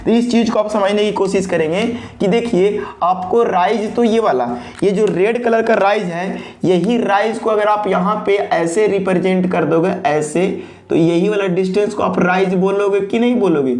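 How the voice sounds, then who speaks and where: Male lecturer, high voice, asks and answers his own questions, drills key terms, echoey room. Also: normal speed, few pauses, darkish tone. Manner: mixes English technical phrases into speech. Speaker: teacher. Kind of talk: recorded technical lecture.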